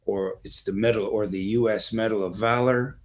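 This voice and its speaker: A middle-aged man with a somewhat low voice, speaking as an interview guest. He talks in a discursive, earnest way, winding through stories and walking the listener through old photos. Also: fairly even intonation, normal speed. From Canada. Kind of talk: storytelling in an interview.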